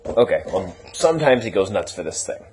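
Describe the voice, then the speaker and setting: A man's voice: fairly low pitch, very animated, fairly quick, a little mellow, a little hiss or hum. A young man vlogging casually at home, rambling and teasing his dog in a self-mocking way. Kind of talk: casual vlog chat to camera and to his dog. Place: at home, indoors.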